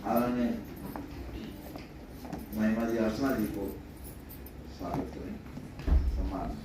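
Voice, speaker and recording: A man's voice: lowish voice, slow pace. Male emcee, courteous formal announcer, recorded from afar in a noisy echoing hall. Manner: courteous, honorific-laden requests. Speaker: event emcee. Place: large hall at a recitation competition. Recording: echoey hall from far off, noisy.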